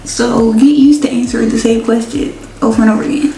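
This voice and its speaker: A woman's voice: a little high, fairly even intonation, fairly quick, warm tone, soft background music. A young woman chatting casually to her viewers, full of slang, talking straight to the camera. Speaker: vlogger. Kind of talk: casual chat. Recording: echoey room, mic at a distance.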